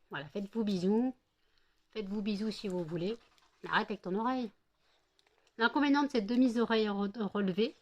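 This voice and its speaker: At home in France, a woman vlogs while chatting casually with her dogs, cooing baby talk and teasing them playfully. Her voice is mid-range and a little mellow.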